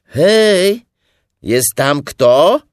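A man voicing a cheerful, simple-minded male teddy bear in a high, loud, sing-song voice. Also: animated, extremely slow, no room sound, studio quality. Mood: calling out.

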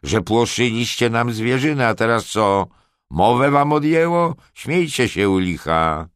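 A man voicing an arrogant, bullying nobleman in an audiobook, loud, mocking and commanding. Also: low voice, measured pace, no room sound, studio quality. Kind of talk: audiobook character voice.

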